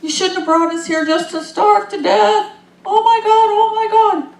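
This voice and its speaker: A crowd of frightened desert wanderers whines and wails in a high, shrill pitch, put on by a woman preacher. They gripe loudly in a sermon voice. The sound rings in an echoey room. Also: flat delivery, unhurried, gravelly, full character voice. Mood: wailing. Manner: shrill, wailing, complaining. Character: panicky whining wandering Israelites, mixed crowd.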